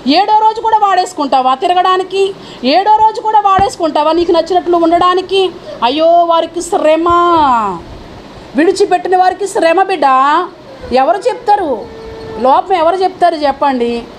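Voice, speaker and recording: A woman's voice: extremely high pitch, normal speed, a little mellow, a little hiss or hum. A woman pastor preaching a fervent sermon and firing questions at the congregation. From India.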